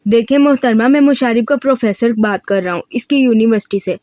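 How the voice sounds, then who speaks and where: A woman's voice: fairly high pitch, a little mellow, dry recording, studio quality, close to an everyday voice. A woman voicing a stern, polite middle-aged male professor in an audiobook reading of a novel. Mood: formal. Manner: polite, formal, measured.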